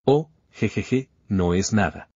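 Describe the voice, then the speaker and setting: A man's voice: lowish voice, expressive, moderate pace, a little mellow, slightly rough, no echo. A man voicing a scheming cultivator who acts friendly while chuckling slyly. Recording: slightly dull lo-fi recording.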